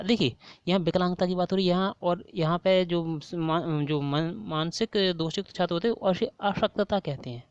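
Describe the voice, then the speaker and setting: A man's voice: on the high side, no echo. A man with a Hindi accent giving an online exam-prep lesson, repeating each question and prompting viewers to answer.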